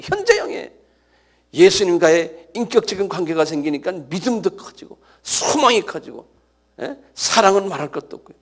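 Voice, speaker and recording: Animated, gravelly-voiced Korean pastor preaching. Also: male voice, fairly high pitch. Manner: animated preaching with sudden cries and shouts; calls out to the congregation for response. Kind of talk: sermon.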